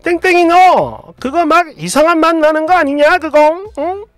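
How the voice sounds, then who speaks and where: A woman voicing a sharp-tongued older mother-in-law who scolds and grumbles. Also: very high-pitched, expressive, moderate pace, dry recording, studio quality, faint music behind, pitched above the performer's own voice. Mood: mocking.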